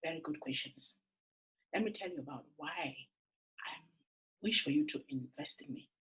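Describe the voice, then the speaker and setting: A woman makes a heartfelt personal appeal straight to camera. Her voice is very husky and breathy, and her pitch swings widely as she tells her stories. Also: animated, moderate pace, a bit bright, rough recording. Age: 40s. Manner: earnest, heartfelt storytelling. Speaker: entrepreneur making a funding appeal.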